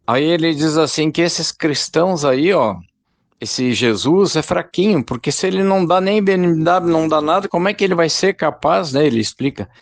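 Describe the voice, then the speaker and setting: Guy preaching loose and chatty, gravelly voice, dry close sound. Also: a little high, moderate pace, no room sound. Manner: conversational, addresses listeners as brothers, rambling. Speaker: lay preacher. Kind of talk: informal spoken sermon.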